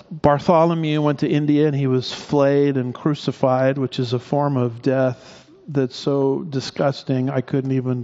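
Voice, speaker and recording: A man's voice: medium pitch, darkish tone, highs cut off. A man preaching a sermon as pastor, in a conversational way with asides and restarts.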